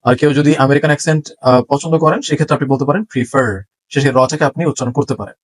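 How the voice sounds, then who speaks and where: A man teaching English pronunciation in a lesson, saying each word slowly and clearly twice so learners can repeat it. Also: a little high, steady tone, rough recording. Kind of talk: spoken language lesson.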